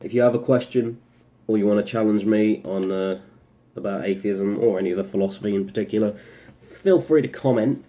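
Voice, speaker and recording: A young man vlogging a casual opinion piece in a lowish, mellow voice. He rambles and goes off on sarcastic tangents, then cuts himself short and drags the point back. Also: fairly quick. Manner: rambling, sarcastic, full of self-interrupting asides.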